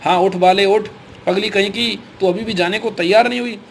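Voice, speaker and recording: A man's voice: on the high side, brisk, sharp tone, slight background noise. A man voicing an anxious, protective older Brahmin father who speaks urgently in a storybook reading. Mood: scolding. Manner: urgent, pleading.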